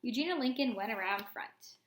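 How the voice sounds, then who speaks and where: A woman reads a children's chapter book aloud, giving each character a different voice. Her voice sits high and bright. The room around her is echoey. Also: lively intonation, brisk. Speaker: reader. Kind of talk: storybook read-aloud.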